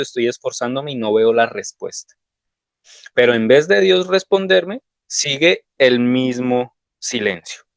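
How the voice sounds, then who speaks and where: Male preacher, mid-pitched, chatty storytelling delivery, dry close mic. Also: no echo. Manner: conversational, anecdotal storytelling. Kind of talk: devotional sermon with personal stories.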